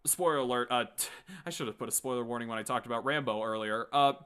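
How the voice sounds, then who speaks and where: A mid-range male voice, a bit bright, clear and resonant, comes from a fast-talking host of a late-night pop culture commentary program. He keeps things informal and opinionated, rambling, stopping and starting, and hitting points emphatically.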